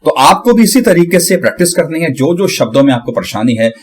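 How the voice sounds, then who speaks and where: A man talks through a casual pronunciation lesson. His voice sits a little on the high side. He splits difficult words into pieces and repeats them slowly, over and over. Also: sing-song, husky. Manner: slow syllable-by-syllable drilling of hard words. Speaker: channel host.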